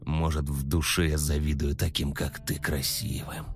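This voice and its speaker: A man reading a story aloud, voicing a cocky young man who poses as a creepy maniac and talks in quiet, menacing, whispery tones with sinister chuckles. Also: rumbling low, little pitch movement, moderate pace, faint music behind, voice pushed down.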